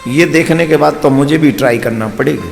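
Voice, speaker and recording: A man's voice: on the high side, brisk, gravelly. A man with a Braj-tinged Hindi accent telling a devotional story as a sermon, adding playful asides to the listeners. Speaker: spiritual preacher. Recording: long hall reverb with faint music.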